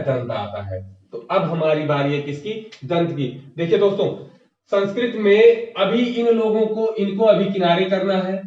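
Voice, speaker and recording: High-voiced male teacher, echoey and distant. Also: a little mellow. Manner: asks the class questions and answers them himself; repeats key terms, addressing viewers as friends. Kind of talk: exam-prep grammar lesson. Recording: echoey, distant, dull lo-fi room sound.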